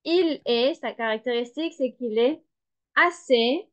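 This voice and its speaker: A woman teacher reads a dictation at a very slow, deliberate pace, pausing to spell words and explain grammar. Her voice sits fairly high, and the recording sounds somewhat dull and lo-fi. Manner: slow, careful, spells and explains each word. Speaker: French teacher.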